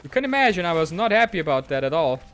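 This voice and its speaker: A man hosting a gaming channel, giving excitable, quick, self-mocking commentary on a digital card game match. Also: a little high, faint music behind. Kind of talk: gameplay commentary.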